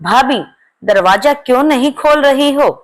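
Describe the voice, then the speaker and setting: A man's voice: very high-pitched, lively intonation, measured pace, voice pushed up. A woman voicing an anxious young brother-in-law calling through a locked door in a devotional folk story. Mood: urgent.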